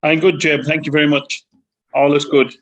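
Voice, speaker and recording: A man's voice: a little high, level tone, normal speed, a bit bright, poor audio. Chatty Irish man on a call. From Ireland. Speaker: guest singer. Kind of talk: remote interview. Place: home in Florida.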